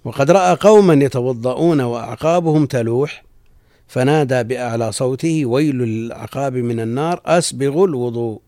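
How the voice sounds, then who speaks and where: A man teaching as a sheikh, reading out a classical text and explaining it in a measured way, often repeating lines for emphasis. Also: mid-range voice, dark tone, no echo, clean studio sound.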